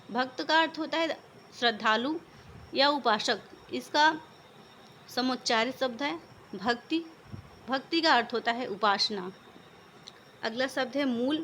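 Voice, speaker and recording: A woman's voice: sits high, fairly bright tone, slight background noise. A woman teaching a vocabulary lesson, patiently explaining one word after another.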